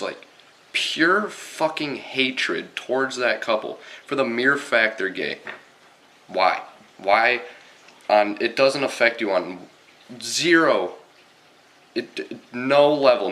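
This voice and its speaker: A man's voice: fairly low pitch, sharp tone. A young man ranting casually to camera, exasperated and swearing a lot, with many fillers. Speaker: vlogger.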